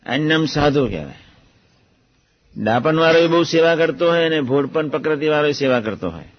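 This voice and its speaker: A man giving a measured, reflective devotional discourse about a guru's teachings. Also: on the high side. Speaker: religious speaker recounting a guru's teachings. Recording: muffled lo-fi recording.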